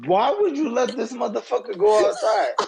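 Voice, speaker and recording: A man's voice: very high voice, lively intonation, moderate pace, creaky, a crowd in the background, low-quality recording. A man in a casual podcast chat, incredulous and swearing freely.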